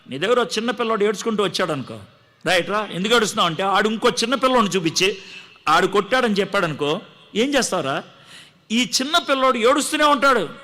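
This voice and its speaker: A man's voice: high voice, sharp tone. A man preaching a testimony sermon to a gathering, telling his story dramatically and acting out the dialogue.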